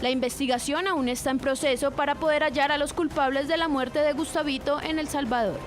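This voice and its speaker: A woman reporter reading a scripted news item in a steady, formal way. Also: sits high, brisk, music in the background.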